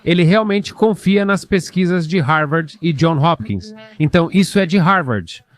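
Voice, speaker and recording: A man's voice: a little high, expressive, moderate pace. A man commenting over news clips in a sarcastic, mocking way.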